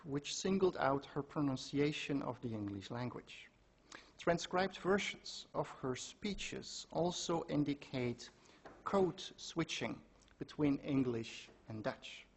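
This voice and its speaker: A man giving a measured academic lecture, reading out quotations from his sources. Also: on the high side, animated, breathy edge. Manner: measured, quoting sources aloud. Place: lecture hall.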